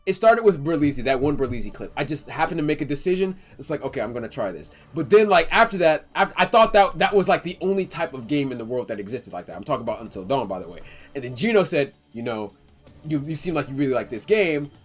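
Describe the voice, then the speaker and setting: A young man streaming, telling a story in a casual, animated and emotional way, full of slang and restarts. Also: a little high. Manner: animated, emotional, talks fast with slang and self-interruptions.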